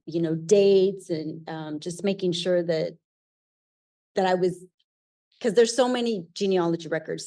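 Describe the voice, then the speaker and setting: Woman, author panelist, steady explanatory talk, lowish pitch. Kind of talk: live panel talk at a library event.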